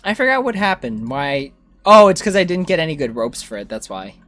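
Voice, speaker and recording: Faint music plays behind a game streamer whose mid-range voice moves fairly quickly. The talk is casual, with thinking aloud, replies to viewers, and animated responses to chat.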